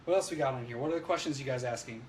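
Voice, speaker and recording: A livestreamer with a mid-range voice rants very fast and unscripted about politics, brash, opinionated and swearing freely at his viewers. His delivery is emphatic and agitated, and the livestream audio is noisy.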